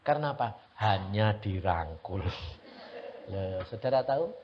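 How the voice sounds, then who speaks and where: Animated preacher man. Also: fairly low pitch, unhurried, a little hiss or hum. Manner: animated storytelling, acting out dialogue, frequent laughter. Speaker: evangelist preacher. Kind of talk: sermon. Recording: dull lo-fi recording.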